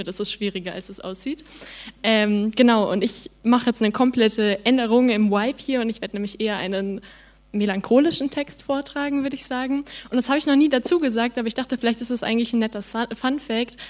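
A young woman performing her own melancholic spoken word poem on stage, soft and slowing down on the repeated refrains. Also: fairly high pitch. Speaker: poetry slam performer.

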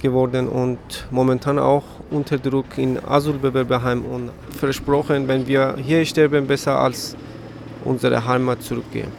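A man's voice: mid-range voice, flat delivery, moderate pace, creaky. A man, a protester speaking broken German and often starting with "also". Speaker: asylum-seeking protester. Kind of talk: street interview. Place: outdoors in a city street. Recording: faint traffic noise outdoors.

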